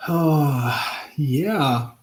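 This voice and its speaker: A man in his thirties hosts a live stream from his home workshop as the channel host, chatting loosely with many fillers and restarts. His voice is a little high and extremely slow.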